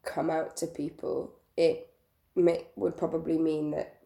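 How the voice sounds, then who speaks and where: Croaky woman podcast host, mellow and creaky. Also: low-pitched, little pitch movement, a little slow. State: ill, croaky. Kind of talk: casual podcast chat. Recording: roomy echo.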